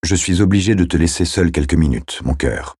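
A man voicing a fierce, protective young woman friend who pleads and shouts sharply. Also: low-pitched, animated, brisk, slightly rough, no room sound, studio quality. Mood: teasing, bossy.

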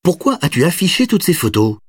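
Guy doing a squeaky excited little kid, all proud and eager, storybook style. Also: normal speed, breathy edge, no echo, studio quality, exaggerated voice. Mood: excited child. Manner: high eager childlike voice.

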